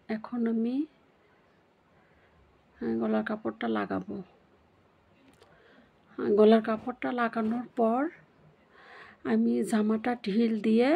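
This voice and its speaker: A woman's voice: fairly high pitch, vocal fry, slightly rough, lo-fi sound. A woman giving a casual sewing tutorial, hesitant, with many fillers and checks that the viewer follows.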